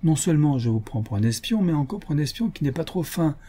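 Narrator playing stern, kind-hearted frontier scout, male, firm and brisk, slightly raised pitch, mellow husky tone, audiobook. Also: expressive.

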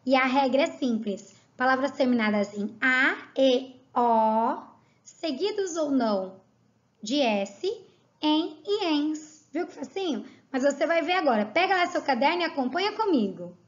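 A Brazilian woman teaching a grammar lesson to children, talking patiently and spelling each point out clearly. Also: sits high, animated, normal speed. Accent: Brazilian Portuguese. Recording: slightly dull lo-fi audio.

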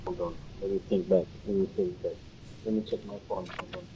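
Low-voiced man chatting on a stream. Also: big pitch swings, highs cut off, background noise. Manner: halting, restarts, simple English. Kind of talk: casual gaming stream chat.

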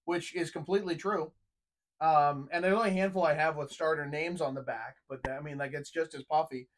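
A man in his thirties with a fairly high voice co-hosts a relaxed chat in a room full of hanging jerseys. He rambles along chattily, doubling back and restarting his sentences. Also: a little fast, slight background noise. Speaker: co-host. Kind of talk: casual podcast chat.

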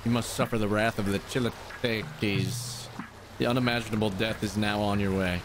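A man voicing a solemn, menacing cult follower from a video game, preaching somewhat haltingly. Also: on the low side, steady tone, background noise, natural voice. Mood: ominous. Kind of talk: video game dialogue read aloud.

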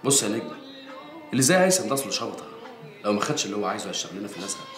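An actor playing a shrewd, persuasive street boss with an Egyptian accent in a TV drama. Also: male voice, on the low side, big pitch swings, very fast. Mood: scheming. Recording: roomy with loud music.

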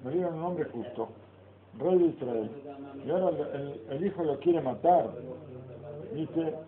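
A man, a rabbi teaching a Torah lesson. He reads Hebrew passages aloud, then explains them in with rhetorical questions. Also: high voice. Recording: phone-like lo-fi recording of a class with people around.

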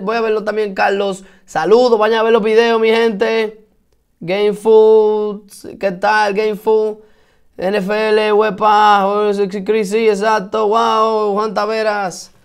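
A man with a Dominican accent hosts a casual live stream from home for musicians, speaking in a high-sitting voice with vocal fry and a clear, resonant tone. Chatty and encouraging, he greets viewers, answers their comments, and repeats points for emphasis.

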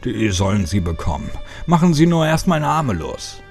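A man voicing a weary captive male doctor who speaks tersely in a low, strained voice. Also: very animated, normal speed, a little mellow, faint music behind.

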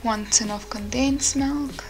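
A woman in her twenties talks slowly at a fairly high pitch, addressing viewers directly in an informal vlogging style. It's casual vlog chat mixed with recipe voice-over, with music in the background.

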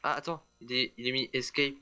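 A man's voice: mid-range voice, fairly even intonation, fairly quick, sharp tone, clear, resonant tone. A man chatting casually with fellow players during a multiplayer game.

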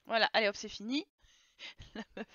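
A woman's voice: a little high, moderate pace, bright, forceful tone, no echo, highs cut off. A woman streaming a life-sim game from home, chatting casually and talking to her game characters. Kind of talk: casual live gameplay commentary.

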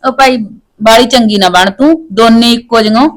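Actress as a scolding mother-in-law, quick-talking, a touch high. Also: close to an everyday voice, poor audio. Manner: scolding, nagging. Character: sharp-tongued middle-aged mother-in-law. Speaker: actor in a family skit. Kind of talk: scripted domestic skit acting.

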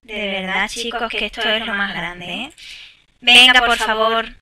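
A woman's voice: a little high, steady tone, measured pace, bright, forceful tone, recorded from a distance. A woman giving casual gameplay commentary, chatting to viewers with exasperated asides. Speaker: gameplay streamer.

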